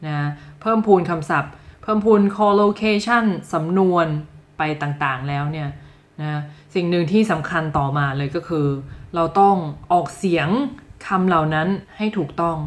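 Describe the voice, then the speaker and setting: A woman from Thailand giving a casual video lesson on English, speaking lively and straight to the viewer, and repeating example phrases slowly and clearly. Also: lowish voice. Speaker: English teacher.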